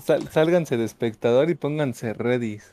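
A man's voice: mid-range voice, normal speed, mellow. A young Mexican man playing a quiz with friends, hesitant in his answers. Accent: Mexican Spanish. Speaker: quiz player. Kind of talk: casual banter among friends.

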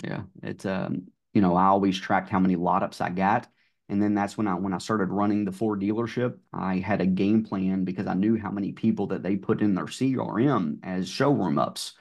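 A middle-aged man with a Southern drawl, telling his car sales story in a relaxed podcast chat full of fillers. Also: sits low, moderate pace, creaky, highs cut off. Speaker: guest, car sales manager. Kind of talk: casual podcast conversation.

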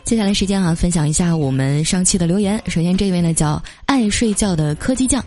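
A woman's voice: on the low side, fast talker. Chatty woman host telling funny stories. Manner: chatty storytelling with lively quoted voices. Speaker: podcast host. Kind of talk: reading funny anecdotes.

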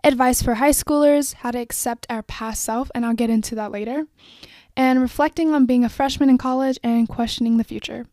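A woman's voice: a little high, fairly even intonation, brisk, a little mellow, no echo, clean studio sound. Young woman chatting on her podcast. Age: young adult. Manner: rambling, self-reflective, frequent fillers. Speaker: podcast host. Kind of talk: casual solo podcast chat. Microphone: phone and microphone.

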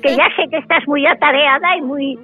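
A woman's voice: sits high, fairly even intonation, brisk, narrow, tinny audio. An older woman, chatting emotionally on the radio and reminiscing. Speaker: radio caller.

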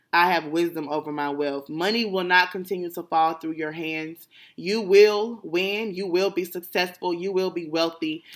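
Forceful, emphatic woman podcaster. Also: on the low side. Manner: emphatic, preachy affirmations. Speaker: podcast host. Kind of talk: casual motivational chat.

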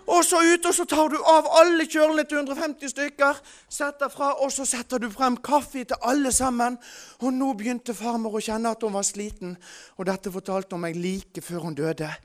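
A preacher telling a dramatic sermon story, swinging between loud, excited passages and hushed, soft ones. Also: medium pitch.

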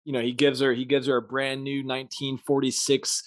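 A man's voice: mid-range voice, little pitch movement, fairly quick, no echo. Rambling, slangy man telling a story. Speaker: podcast co-host. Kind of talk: casual brainstorming chat.

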